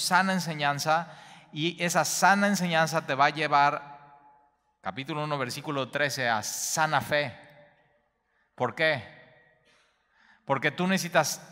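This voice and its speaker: Male pastor, emphatic repeating teacher, crisp bright voice echoing in a large hall. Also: on the high side. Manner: repetitive, emphatic, slight stumbles. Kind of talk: Bible study teaching.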